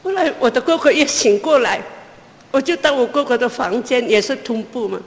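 A mother recounting a personal testimony, stopping and restarting, her voice rising as the tension returns. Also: animated. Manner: pauses and restarts, pitch climbs as she relives the tension. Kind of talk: emotional spoken testimony. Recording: long hall reverb.

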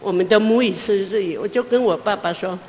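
A woman's voice: a little mellow, a little hiss or hum. A mother recounting a personal testimony, stopping and restarting, her voice rising as the tension returns. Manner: pauses and restarts, pitch climbs as she relives the tension. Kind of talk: emotional spoken testimony. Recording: long hall reverb.

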